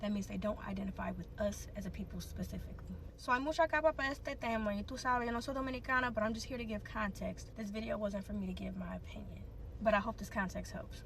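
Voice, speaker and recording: A woman's voice: medium pitch, quick pace, a bit bright, distant mic, a little hiss or hum. A woman giving composed, informative commentary in a social media video.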